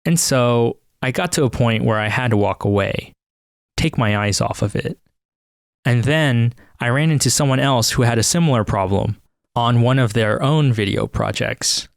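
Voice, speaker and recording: A man's voice: mid-range voice, moderate pace, gravelly, no room sound, studio quality. A man hosting a podcast, narrating in a scripted, wry and self-deprecating way. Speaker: podcast host.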